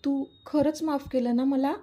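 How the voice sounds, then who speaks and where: A woman's voice: sits high, steady tone, measured pace, mellow. A woman voicing an emotional, stubborn young woman who pleads insistently, in a storybook reading. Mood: pleading.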